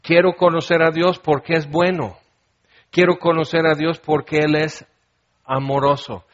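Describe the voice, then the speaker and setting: A man preaching a sermon earnestly, swinging from loud emphatic lines to soft hushed ones. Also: on the high side, level tone, a little slow. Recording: dull lo-fi sound.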